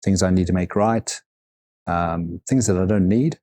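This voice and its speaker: A man's voice: low-pitched, mellow. A middle-aged man from Africa, a guest in an interview, talking thoughtfully and unhurriedly about his life and travels. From South Africa. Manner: thoughtful, unhurried, repeats words as he gathers thoughts. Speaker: guest, overland vehicle consultant. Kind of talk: reflective interview conversation.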